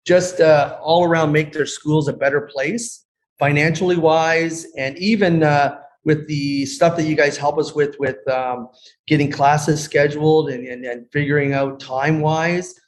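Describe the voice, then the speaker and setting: A man, a karate school owner, speaking earnestly and haltingly as a podcast guest on a video call. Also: on the high side, steady tone, a little hiss or hum. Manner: earnest, halting, many restarts. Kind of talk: casual interview chat.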